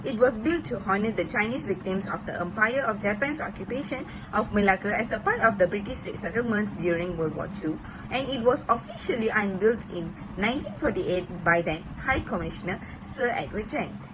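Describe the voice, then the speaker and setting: A woman's voice: medium pitch, animated, brisk, few pauses. A young Malaysian woman, a student, reading a school presentation and stumbling over some words. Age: young adult. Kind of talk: read-aloud school presentation. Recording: noisy amateur recording.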